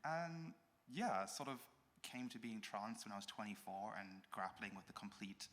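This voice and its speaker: A woman's voice: a bass voice, moderate pace. A woman from Durbanville speaking as a guest on a festival panel, wry and self-deprecating, laughing as she talks. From Durbanville, South Africa. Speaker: panel guest, essay contributor. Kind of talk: live panel discussion. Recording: hall with long reverb.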